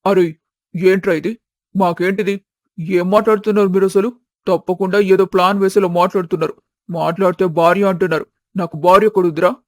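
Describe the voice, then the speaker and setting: A woman's voice: fairly low pitch, steady tone, a little fast, darkish tone, no echo, studio quality, voice pushed down, close to an everyday voice. A woman voicing an easily riled grown-up eldest son in a storybook tale. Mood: exasperated. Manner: exasperated, argumentative. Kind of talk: storybook voice acting.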